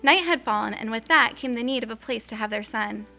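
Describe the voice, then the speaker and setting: A woman narrating a scripted story in an expressive, tender way. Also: a little high, brisk. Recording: faint music underneath.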